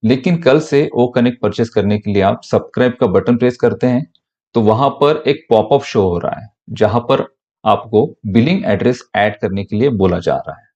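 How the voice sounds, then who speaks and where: A man's voice: lowish voice, normal speed, a little mellow, lo-fi sound. A man patiently explaining a payment procedure step by step in a short instructional audio. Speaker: online business mentor.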